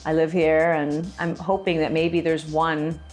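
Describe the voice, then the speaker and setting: A woman's voice: low voice, little pitch movement, measured pace, a little mellow, soft background music. A woman from Los Angeles, an actress guest in an interview, talking candidly and casually with frequent restarts.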